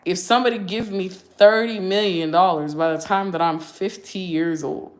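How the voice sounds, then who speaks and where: A woman in her twenties chatting candidly on a livestream, answering viewer questions in a slangy, talkative way. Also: fairly low pitch. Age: 20s. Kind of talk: casual livestream Q&A.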